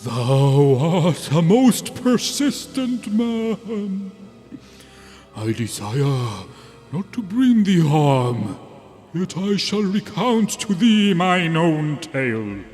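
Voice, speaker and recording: A man's voice: on the high side, big pitch swings, darkish tone. An unearthly male ghost speaks in a long, washing reverb over music. He is a sorrowful, haunted writer from a tabletop fantasy game, declaiming in theatrical old-fashioned diction. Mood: resigned, melancholy. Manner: theatrical archaic diction, drawn-out delivery. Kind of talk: tabletop role-play.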